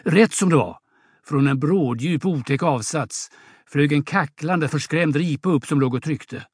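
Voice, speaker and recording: A man's voice: on the high side, slightly rough, dry recording, clean studio sound. A man reading an audiobook drama, voicing a boastful young peasant who spins a vivid tall tale. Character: boastful young peasant braggart, swaggering storyteller.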